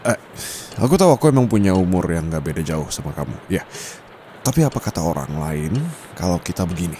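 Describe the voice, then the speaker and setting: Here the same stern tutor turns flustered yet firm, still scolding in a formal tone and dropping English phrases with a dominant edge. The Indonesian-accented man's deep, low, slightly mellow voice is lightly acted, captured up close on a condenser mic over faint background noise.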